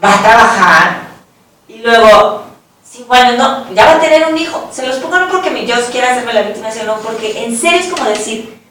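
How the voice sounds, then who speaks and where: Middle-aged Mexican woman, panel speaker, blunt and lively, slightly high voice, heard from across an echoey room. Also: brisk, a little hiss or hum. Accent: Mexican Spanish. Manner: frank, animated, swears casually. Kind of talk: candid personal testimony in a discussion. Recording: echoey room, voice distant from mic.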